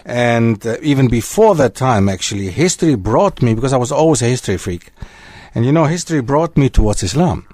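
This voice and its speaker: A man who grew up in Germany, a guest historian on a radio talk show, lecturing in an animated way that wanders from point to point. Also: mid-range voice, fairly quick, no room sound. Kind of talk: radio discussion. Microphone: studio microphone.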